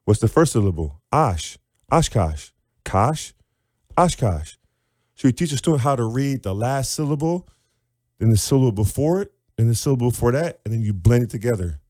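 A man's voice: medium pitch, fast talker, dry recording, studio quality. A man, an author and reading teacher, explaining his method in an interview and sounding out syllables aloud. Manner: animated, demonstrates sounds aloud.

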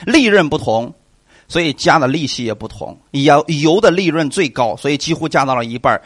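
A man's voice: a little high, fairly quick, dry recording, clean studio sound. A man preaching a sermon and explaining scripture, who keeps asking his listeners questions and answering them himself. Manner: animated, asks the congregation questions and answers them.

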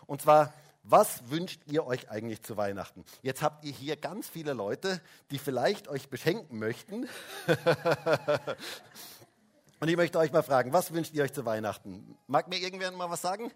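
Higher-voiced preacher, chatty with kids. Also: male voice, lively intonation, measured pace. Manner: chatty, asks the children questions, tag "hä?". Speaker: pastor. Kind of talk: Christmas sermon. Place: church service, also livestreamed.

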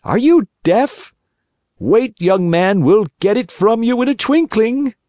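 A man doing a threatening robber in a storybook, gruff and sinister, his threats rising loud and swinging in pitch. The recording is dry. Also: lively intonation, slow, no echo. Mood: menacing. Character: two menacing male robbers, threatening.

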